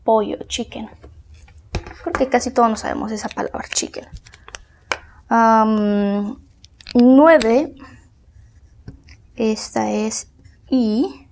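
A young woman with a Mexican Spanish accent, teaching English to Spanish speakers patiently, repeating words slowly and softly. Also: on the high side, a little hiss or hum. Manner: patient, repeats words slowly, drops to soft near-whispers.

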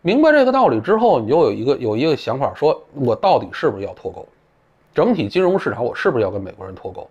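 A man's voice: mid-range voice, very animated, fast, a little mellow, slightly rough. A man giving blunt, casual spoken commentary, colloquial and peppered with profane asides. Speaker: political commentator. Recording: dull lo-fi audio.

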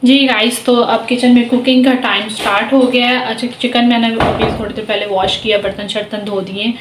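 A woman's voice: a little high, fairly even intonation, normal speed, background noise. A woman in her thirties with a Pakistani accent, chatting casually through a home vlog voice-over and explaining each step with lots of fillers. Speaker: home vlogger.

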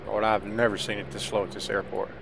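Streaming himself as an in-game air traffic controller, a man alternates between radio-style procedural calls and casual remarks on the gameplay. His voice is lowish and creaky, his pace quick, and the game's ambience hums steadily underneath.

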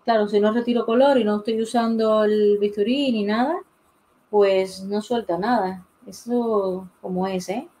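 A woman's voice: mid-range voice, steady tone, measured pace, mellow, rough recording. Chatty woman teaching drawing live. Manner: chatty, thinks aloud while drawing, greets viewers by name. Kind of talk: casual live drawing tutorial. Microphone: desk mic beside the pencil sharpener.

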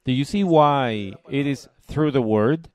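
A man from Puerto Rico preaching a sermon, reading passages aloud and explaining them in short, deliberate phrases. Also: mid-range voice, a little mellow. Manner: measured, emphatic, pauses between short phrases. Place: church service.

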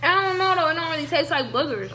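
High, lively young woman in a noisy room. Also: fast. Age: young adult. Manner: slangy, teasing. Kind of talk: casual joking chat during a taste challenge. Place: indoor kitchen counter, small home room.

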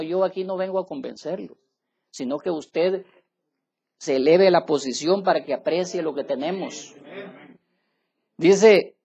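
A male preacher in a church delivering an emphatic sermon, addressing his listeners as brother and swinging between quiet asides and loud raised passages. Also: high voice, gravelly, slightly rough.

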